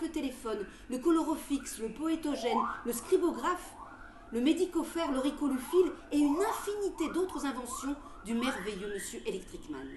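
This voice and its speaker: A woman storyteller giving a theatrical, scripted narration indoors. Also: high voice. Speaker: storyteller, stage performer. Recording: roomy with faint background noise.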